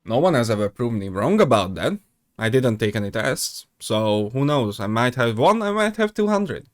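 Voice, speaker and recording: In clean studio sound with no room echo, a young man hosts a reaction video with sarcastic, mocking commentary. His medium-pitched voice moves at a moderate pace with big pitch swings, jumping up when he's exasperated. He rambles, using many fillers and restarts.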